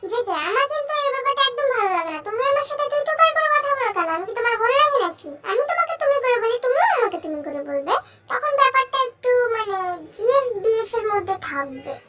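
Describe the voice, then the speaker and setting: A woman's voice: lively intonation, fast talker, bright, forceful tone, heavily acted. A woman voicing a sulky young man who whines and cries that his feelings are hurt. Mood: whiny. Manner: whining, tearful, squeaky. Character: whiny, sulky young man playing cute.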